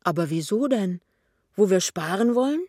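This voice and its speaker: Storybook young wife, lively and insistent, pitched up high, read by a man. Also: normal speed, no echo, clean studio sound. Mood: surprised. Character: young woman, cheerful, practical, stubborn.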